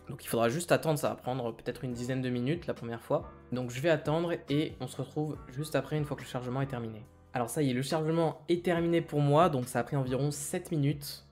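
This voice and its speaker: A tech tutorial host with a mid-range voice guides viewers step by step through software in a screen-recorded tutorial. His manner is friendly and reassuring, with faint music playing underneath.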